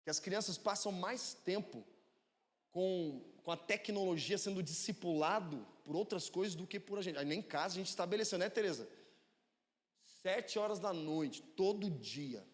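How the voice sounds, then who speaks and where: High-voiced preacher in a reverberant church. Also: male voice, animated, normal speed. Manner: storytelling, conversational, asks the congregation. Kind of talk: sermon.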